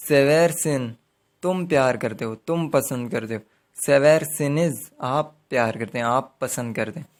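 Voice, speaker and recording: A man with a Pakistani Urdu accent teaching a grammar lesson, speaking deliberately and repeating each example with frequent hesitations. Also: mid-range voice. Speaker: language teacher. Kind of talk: slow grammar lesson explanation.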